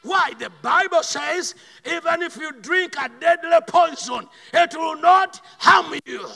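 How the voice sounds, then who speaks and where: A man from Uganda with a Ugandan accent preaching a sermon, swinging between loud shouted bursts and quiet slow asides. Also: extremely high pitch, gravelly, big-room sound.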